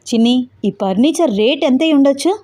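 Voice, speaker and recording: Brief: fearless young hero, unhurried and taunting, woman storyteller reads him. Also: sits high, animated, mellow. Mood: coolly mocking. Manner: cool, mocking, unhurried. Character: calm fearless young man, mocking fighter.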